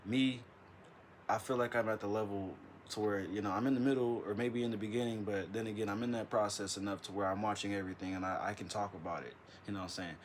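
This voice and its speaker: A man with a slightly low voice rambles through a late-night vlog, stammering, restarting and calling the viewer "bro" again and again. He records in a dark room straight into an iPad's built-in mic, with faint ambient noise behind him. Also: fairly even intonation, fast talker. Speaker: vlogger. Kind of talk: casual late-night monologue. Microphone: iPad built-in mic.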